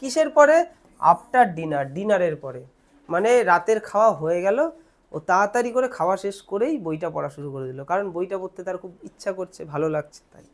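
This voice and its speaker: A woman's voice: fairly low pitch, very animated. A young woman teacher with a Bengali accent explains a lesson step by step, asking questions and answering them herself. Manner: asks questions and answers them herself, repeats words slowly.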